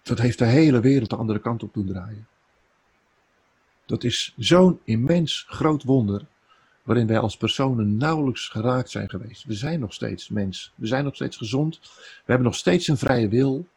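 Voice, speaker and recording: A man preaching an earnest, emotional sermon, rising to emphatic peaks and then dropping soft. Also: mid-range voice, expressive, moderate pace, creaky, slightly rough, poor audio.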